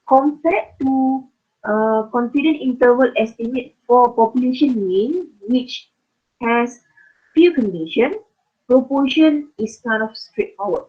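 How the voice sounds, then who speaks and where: A woman lecturing on statistics in an online class, losing her voice and speaking haltingly with many fillers. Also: fairly high pitch. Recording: phone-like narrow sound.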